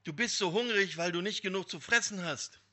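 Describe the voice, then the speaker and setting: A man voicing an eager, hasty young man from a spoken parable, talking in an excited rush. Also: high-pitched, brisk, pitched above the performer's own voice. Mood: hurried. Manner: excited, breathless hurry.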